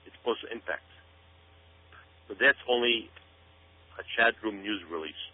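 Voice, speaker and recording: On a radio program heard with narrow, phone-like sound, a male guest with a voice on the low side offers conspiracy-minded commentary at normal speed. He is emphatic throughout, repeating words and phrases to drive his points home.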